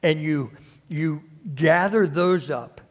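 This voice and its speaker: A man preaching a conversational sermon at a church service, unhurried and often restarting or repeating his words. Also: fairly high pitch, slight background noise. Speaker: pastor.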